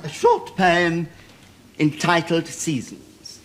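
A man's voice: on the high side, steady tone, takes it slowly, fairly bright tone. A middle-aged man playing a prissy, pompous man of letters with an upper-class English accent and fussily polite, flowery speech in a TV sketch. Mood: fussy, polite. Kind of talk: 1970s TV sketch comedy acting. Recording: old studio TV, faint noise.

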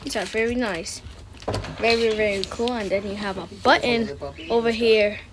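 Handling items in a room with a wooden floor, an unboxing host keeps up short, repetitive comments at a normal speed. Her voice sits on the high side and her tone stays steady. Clicks and handling sounds run through the recording.

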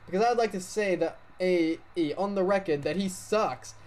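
A woman's voice: fairly low pitch, moderate pace, darkish tone, close to an everyday voice. A man voicing a haughty female dancer with a snooty, catty way of talking. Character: haughty young woman dancer, spiteful.

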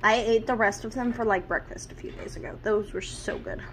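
Playful woman with a higher voice. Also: fairly even intonation, brisk, fairly bright tone, a little hiss or hum. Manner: playful, teasing. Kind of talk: casual chat.

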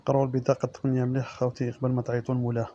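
Algerian man, brisk flat car-listing read, mellow tone, muffled lo-fi recording. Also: medium pitch. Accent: Algerian Arabic. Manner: monotone listing of specs and prices. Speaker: used-car price presenter.

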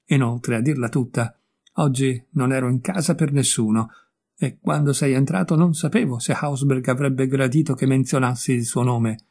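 Guy reading a witty young painter, breezy and teasing, mellow raspy voice, audiobook. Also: medium pitch, moderate pace. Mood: amused. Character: witty young male painter, amused and worldly. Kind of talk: audiobook character voice.

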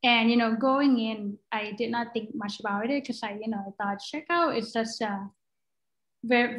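On a laptop-mic video call, a young Thai woman who designs products answers questions as a guest in a casual way, thinking aloud and filling gaps with fillers and restarts. Her voice is a little high, and the audio is poor.

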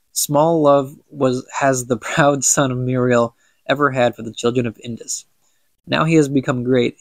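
For a podcast, a young man with a stuffy nose reads from a book and chats about it in a medium-pitched voice, no room sound. He stumbles on words and laughs at his slips.

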